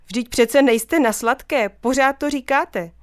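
A woman voicing a lively young boy who calls out with excitement. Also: sits high, dry recording, studio quality, lightly acted. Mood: puzzled. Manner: excited, shouting.

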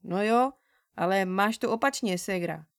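A woman's voice: medium pitch, clean tone, dry recording, studio quality, lightly acted. A woman voicing a cheeky older brother in a storybook, teasing and explaining in a boyish way.

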